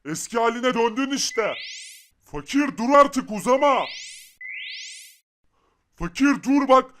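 A man plays a bossy but caring rich young guy in a blocky game cartoon. He speaks in a very high voice and keeps urging his friend by name. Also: lively intonation, slow pace, fairly bright tone, faint music behind, heavily acted. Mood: worried. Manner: urgent, repeats the friend's name. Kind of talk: Minecraft animation voice acting.

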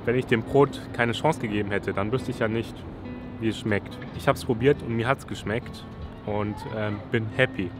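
A young man from Germany, low-voiced, chats in a relaxed way straight into a camera held at arm's length beside a city river. Music plays clearly under his voice. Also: moderate pace. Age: young adult. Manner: relaxed, chatty, thinking aloud. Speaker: YouTuber. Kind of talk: casual vlog talk to camera. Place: outdoors by a city riverside railing. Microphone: selfie camera at arm's length.

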